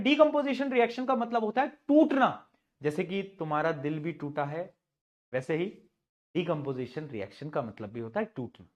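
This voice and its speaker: A man, teaching an online class in a chatty, teasing way and reading questions out slowly. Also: sits high, fairly bright tone, highs cut off. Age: 20s. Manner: chatty, teasing, jokes with students.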